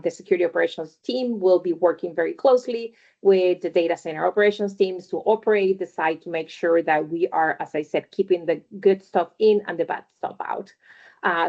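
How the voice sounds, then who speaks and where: A middle-aged Venezuelan woman, serving as a webinar panelist, gives a conversational career talk on a video call, full of fillers and "right?" tags. Her voice is on the low side and a little mellow, and the audio is dull.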